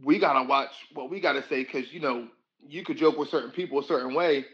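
A man's voice: mid-range voice, quick pace, dull audio. A man hosting a podcast in casual chat, laid-back but opinionated. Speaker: podcast host.

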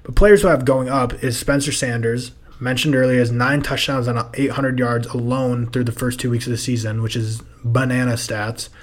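Young male podcast host, going hoarse, talks sports in a loose, rambling way at a mid-range pitch. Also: fairly even intonation, normal speed, hardly any pauses. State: hoarse, losing his voice. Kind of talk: casual sports talk.

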